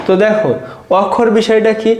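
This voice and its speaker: A man's voice: high-pitched, little pitch movement, a little fast, roomy sound. A man teaching an exam-prep grammar lesson. He explains patiently, step by step, and keeps telling students to look.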